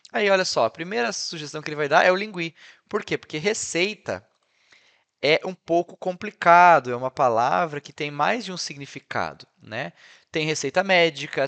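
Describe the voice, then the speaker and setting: A Brazilian man with a Brazilian Portuguese accent, talking over a screen recording as an English teacher. His voice sits a little high for a man, and he keeps it chatty, tossing in quick tag questions between points. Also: a bit bright. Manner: chatty, peppered with "né?" and "ó". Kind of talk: casual screen-share tutorial.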